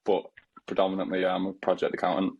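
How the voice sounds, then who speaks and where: A twenty-six-year-old man hosting a podcast, asking questions in a measured, relaxed way. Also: sits low, husky, highs cut off. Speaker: podcast host. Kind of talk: casual podcast interview.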